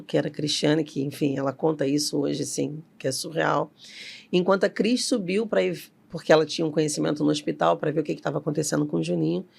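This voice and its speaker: A woman's voice: low-pitched, vocal fry, darkish tone, husky. A middle-aged woman, a company CEO telling a personal story as an interview guest and acting out the voices she quotes.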